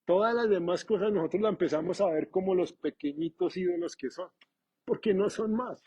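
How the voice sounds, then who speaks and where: A man preaching a sermon in an animated, conversational way with humor. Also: high-pitched, brisk, slightly rough, highs cut off. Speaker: pastor.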